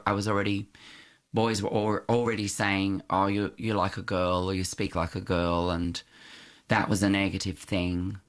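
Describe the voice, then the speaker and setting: Reminiscing about his schooldays as an interview guest, a middle-aged man tells his stories thoughtfully, often restarting and laughing softly. His voice is on the low side.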